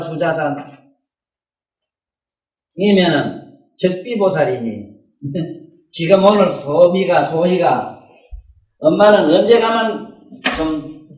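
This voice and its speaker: A man with a Gyeongsang accent giving a Buddhist sermon in a folksy, rhetorical way, often prodding listeners with "eh?" questions. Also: on the high side. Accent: Gyeongsang Korean. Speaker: Buddhist dharma teacher. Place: dharma hall. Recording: echoey room, distant mic.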